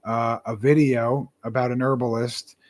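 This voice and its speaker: A man's voice: medium pitch, level tone, unhurried, a little mellow. A young man, a self-published author, talking casually and earnestly to camera, rambling and repeating his words.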